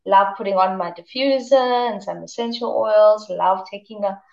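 A woman self-care coach, a guest on a radio chat, talking in a gentle, reflective way and often saying "you know". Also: mid-range voice, moderate pace, creaky. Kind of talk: casual radio interview chat. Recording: roomy, distant, dull remote line.

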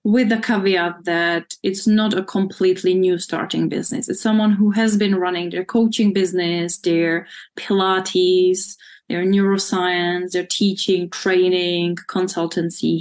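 A woman from the Czech Republic with a Czech accent, giving earnest interview answers as a marketing consultant and explaining things in long lists. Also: lowish voice.

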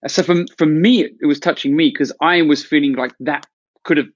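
A man's voice: on the high side, a little fast, dry recording, highs cut off. A man interviewing a guest, talking casually and reflectively with small restarts. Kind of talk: casual chat.

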